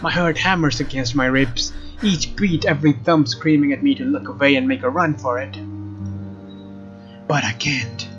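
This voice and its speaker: Medium in pitch and fairly even in intonation, this young man's slightly bright voice keeps a moderate pace as he reads game story text dramatically and comments casually. Faint game music plays under a slightly muffled mic.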